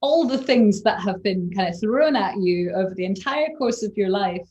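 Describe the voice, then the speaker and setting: A woman's voice: mid-range voice, animated, normal speed, mellow. Thoughtful woman interviewer. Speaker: interviewer, director.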